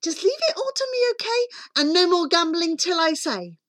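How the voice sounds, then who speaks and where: A sweet young storybook girl, played by a woman, very high and bright. She sounds pleading yet plucky, with girlish lilting swings in her speech. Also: big pitch swings, moderate pace, heavily acted.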